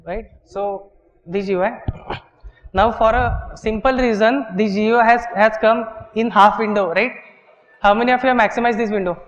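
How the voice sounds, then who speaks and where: A man with an Indian English accent teaching a workshop class in a lecture hall, explaining step by step and checking in with "okay" and "right". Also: high voice. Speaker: workshop instructor. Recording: dull, echoey lecture hall recording.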